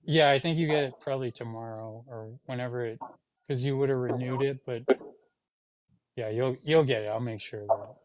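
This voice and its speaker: A man's voice: medium pitch, a little fast, darkish tone, rough recording. Joking man chatting on a livestream. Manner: joking, playful banter. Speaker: livestream host. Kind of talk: casual livestream chat.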